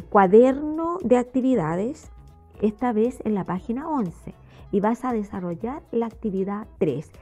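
A woman teacher with a Chilean accent giving a recorded remote lesson, explaining step by step in a slow, explanatory classroom manner. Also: on the high side, dark tone. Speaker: primary school teacher.

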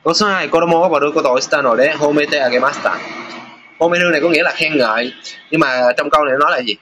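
A man teaching a casual lesson over test questions, chatty, pausing with filler sounds and reading example sentences aloud slowly. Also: on the high side, sharp tone, a little hiss or hum. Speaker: Japanese teacher.

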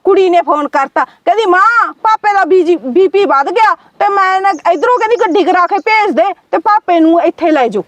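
An actress playing a sharp-tongued mother who demands land for her son and accuses her husband. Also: very high voice, lively intonation, brisk, few pauses, no echo, dull audio. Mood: scolding. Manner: scolding, accusing, insistent. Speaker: actor in a family skit. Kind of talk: home-made family drama skit.

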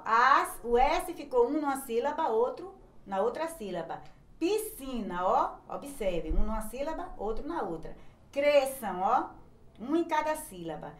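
A woman's voice: fairly high pitch, fairly bright tone, reverberant, rough recording. A woman teacher with a Brazilian Portuguese accent giving a recorded grammar lesson to young children, patiently spelling out letters one by one. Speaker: primary school teacher.

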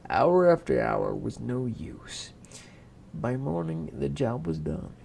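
Young guy reading a bedtime story slow, gravelly voice, swings up and down a lot, cusses when he flubs. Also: medium pitch, very animated, darkish tone, a little hiss or hum. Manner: unpolished, breaks off to swear and laugh at himself.

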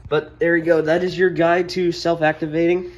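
At a wooden desk indoors, a video creator talks through an informal hands-on demonstration, thinking aloud, recorded on a handheld phone. His voice sits on the high side with little pitch movement, at a moderate pace, and the audio sounds dull.

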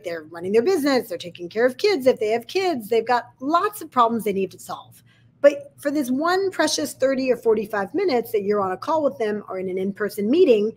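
A woman's voice: on the high side, breathy edge. A woman sales coach with a slight lisp, explaining a method step by step in an instructional video.

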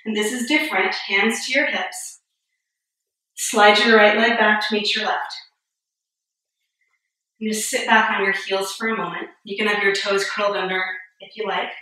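A woman in her thirties guides a yoga class with steady, step-by-step cues, slightly winded between poses. Her voice is bright and clear, but it sits far from the microphone in a very reverberant room. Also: medium pitch, moderate pace, long pauses. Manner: calm step-by-step cueing, a little breathless and joking. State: a bit out of breath. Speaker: yoga instructor. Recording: very echoey room, voice far from mic.

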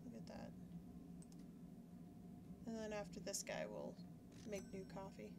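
Her pitch swoops wildly around a mid-range voice, though her pace stays measured. This young gaming YouTuber mocks herself casually and thinks aloud while playing, filmed at home by a corner webcam with loud background noise.

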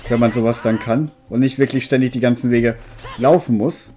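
A man's voice: medium pitch, steady tone, fairly quick, warm tone. A man giving casual game commentary as a let's player, with a dry, mildly grumbling manner. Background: game music.

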